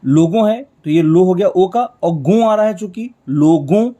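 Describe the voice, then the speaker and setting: A man's voice: high-pitched, warm tone. Man teaching, repeating each step. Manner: explains slowly, repeating each stroke; asks and answers his own questions. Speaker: shorthand teacher. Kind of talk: step-by-step whiteboard lesson.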